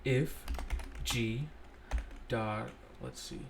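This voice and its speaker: A young man at his computer talks through code in a loose, thinking-out-loud way, pausing to correct himself. His voice sits at an ordinary pitch for a man. Faint noise and keyboard clicks run beneath it. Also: creaky. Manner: relaxed, thinks aloud, self-correcting. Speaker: scripting tutorial host. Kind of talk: casual screen-recorded coding walkthrough.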